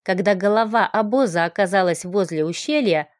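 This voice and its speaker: A woman's voice: medium pitch, fairly quick, no echo, studio quality. Woman narrating a fantasy audiobook.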